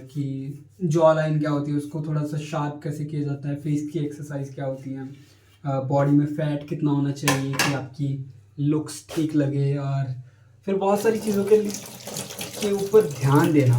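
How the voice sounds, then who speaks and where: 20s guy vlogging, kinda high voice, rambly with lots of fillers and english bits thrown in. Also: steady tone, moderate pace, dark tone, slight background noise. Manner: reflective, mixes in English phrases, many fillers. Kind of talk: casual personal vlog talk. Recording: echoey room.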